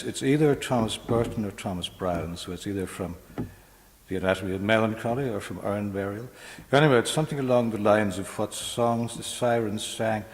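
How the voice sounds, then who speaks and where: A man giving a live poetry reading as the poet, measured in the verse, with wry, hesitant asides between poems. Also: on the low side. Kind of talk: poetry reading with casual introductions. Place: hall, live reading to an audience. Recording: echoey hall with long reverb.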